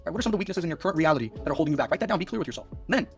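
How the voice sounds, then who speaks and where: A young man coaching viewers through a worksheet, energetic and repeating questions to press his points. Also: fairly high pitch, rapid-fire, faint music behind. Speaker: life coach.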